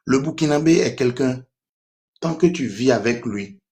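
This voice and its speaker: A man's voice: medium pitch, animated, normal speed, mellow. A young man from Benin with a Beninese French accent, speaking as a caller on a live stream, hesitant with many restarts. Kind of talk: casual call-in talk.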